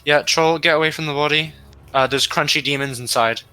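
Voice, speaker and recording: A man playing an adventurer in a tabletop game, coaxing a dim troll in loud, simplified words. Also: medium pitch, lively intonation, normal speed, low-quality recording. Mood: coaxing, urgent. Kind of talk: tabletop role-play.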